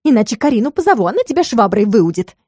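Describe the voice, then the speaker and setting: A woman's voice: fairly high pitch, sing-song, fast, warm tone, breathy edge, no echo, studio quality. A woman voicing a short-tempered young witch fortune-teller in an audiobook, giving snappy, growled commands. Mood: irritated.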